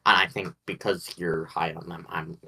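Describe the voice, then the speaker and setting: A man's voice: low-pitched, level tone, normal speed, gravelly, pushed and bright, slightly rough, rough recording. A man co-hosting a podcast in casual chat, rambling and hedging as he thinks aloud. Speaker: podcast co-host.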